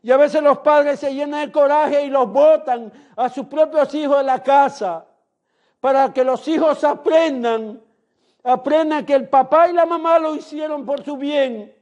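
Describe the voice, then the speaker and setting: Male pastor, very high voice, slow emphatic sermon delivery, dull lo-fi recording. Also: steady tone. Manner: slow, emphatic preaching, sometimes rising to a shout.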